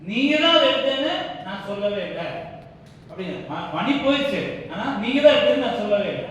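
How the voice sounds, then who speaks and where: A woman's voice: medium pitch, animated, fairly quick, dull audio. A woman leading a public speaking workshop, explaining points and often checking that the room understands. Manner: explains, then checks understanding with frequent questions. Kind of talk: workshop lecture with demonstrations. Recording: echoey hall, distant mic, faint ambience.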